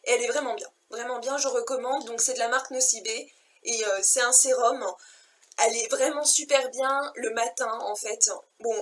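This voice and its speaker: Chatty woman vlogger, bright higher voice, faint hiss behind. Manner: chatty and enthusiastic, repeats words for emphasis. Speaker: fashion and beauty vlogger. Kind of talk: casual haul chat to camera.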